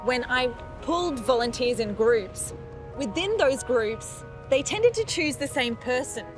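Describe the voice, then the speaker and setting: The audio is poor, and music plays behind a woman whose high, animated voice keeps a measured pace. She's fronting a science documentary, talking with volunteers by a beach and inside a parked bus, friendly and upbeat and clear in how she explains things.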